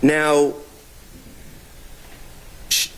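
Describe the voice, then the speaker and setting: A man working as a defense attorney, questioning and arguing in a courtroom with halting, deliberate phrasing. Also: fairly high pitch, completely flat delivery, a bit bright. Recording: noisy courtroom audio.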